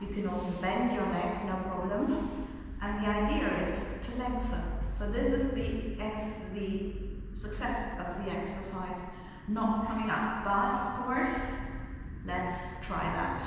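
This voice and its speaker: A woman guides a stretching class slowly and gently, drawing out her instructions. Her reassuring voice rings through a very reverberant room, picked up from a distance. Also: mid-range voice. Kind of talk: guided exercise class with meditative cues. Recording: very echoey reverberant room, distant, faint noise.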